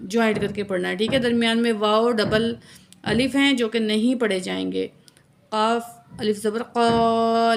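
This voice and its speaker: A woman teaching a tajweed lesson, spelling out letters and vowel marks patiently and drawing out recited verses very slowly. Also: on the high side, vocal fry. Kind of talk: slow word-by-word recitation lesson.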